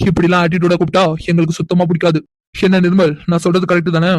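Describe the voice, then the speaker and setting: A man's voice: sits high, flat delivery, quick pace, no echo, studio quality, close to an everyday voice. A man voicing a mocking young man in a cartoon, teasing and taunting. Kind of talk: cartoon voice acting.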